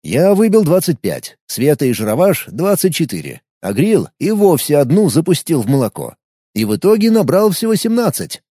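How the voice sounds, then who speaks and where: A man narrating an audiobook with animated, expressive storytelling. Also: a little high, normal speed, slightly rough, no room sound, clean studio sound.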